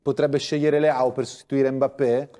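A man's voice: mid-range voice, flat delivery, normal speed, mellow. A man hosting a casual football talk show, reading out viewer questions with a joking manner. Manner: jokey, reads out messages.

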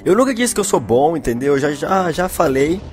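Excitable Brazilian gamer, lively high voice. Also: male voice, brisk. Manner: excitable, shouting bursts and hushed whispering while sneaking. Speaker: gameplay commentator. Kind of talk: Minecraft let's play commentary. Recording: faint game music behind.

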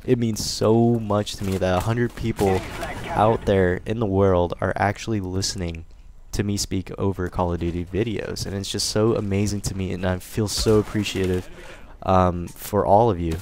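A man's voice: deep voice, steady tone, moderate pace, a little mellow, a little hiss or hum. A young man giving casual, rambling commentary over a video game, thanking his viewers with many fillers and restarts. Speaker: gaming commentator. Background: game gunfire.

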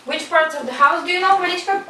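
High, bright-voiced woman teacher in echoey room. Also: quick pace. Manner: prompting, repeating questions and model phrases. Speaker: English teacher of preschool children. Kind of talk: question-and-answer drill in a children's language lesson. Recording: echoey room, distant mic, faint noise, clicks.

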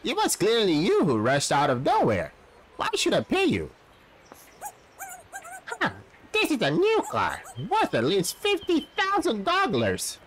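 A man doing a shrill, irate driver. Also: huge pitch swings, measured pace, long pauses, a little hiss or hum, full character voice. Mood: indignant. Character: irate male driver demanding payment.

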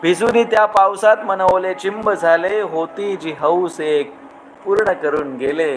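A man's voice: high voice, measured pace. A male host reciting poems on a livestream. He repeats lines with rising emphasis. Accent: Marathi. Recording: noisy livestream recording.

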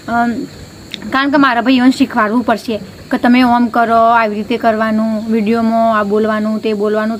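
Woman, family vlogger, casual chat, somewhat high voice, rambling and friendly, outdoor rooftop, phone mic, faint crickets behind. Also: slight background noise. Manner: chatty, keeps adding a friendly filler word.

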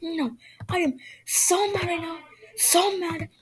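Strict, furious rich mom, played by a woman in a casual game role-play; she barks orders and scolds in a fairly high voice. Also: animated, moderate pace, background noise, natural voice. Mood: angry. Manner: scolding, bossy commands. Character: strict angry rich mother scolding her kids.

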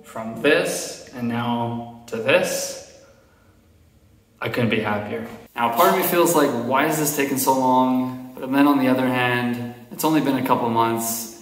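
A young man talks upbeat and chatty while filming himself at arm's length. His mid-pitched voice bounces around a bare, echoey basement room, with the roomy sound of an unfinished space. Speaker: DIY vlogger. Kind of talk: casual vlog narration. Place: basement workshop, indoors. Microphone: handheld camera at arm's length.

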